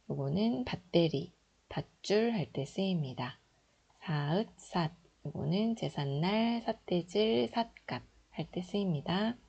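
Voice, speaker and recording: A woman teaches reading slowly and patiently, sounding out each syllable aloud in a low, husky voice. Her voice has a gravelly fry to it. The recording is dull and lo-fi. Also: darkish tone. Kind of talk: slow instructional explanation.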